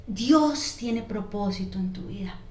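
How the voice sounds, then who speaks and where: A woman voicing a fervent Pentecostal woman who prays over someone in a slow, hushed, whispery voice. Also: mid-range voice, lively intonation, far from the mic, natural voice. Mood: solemn. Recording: echoey room.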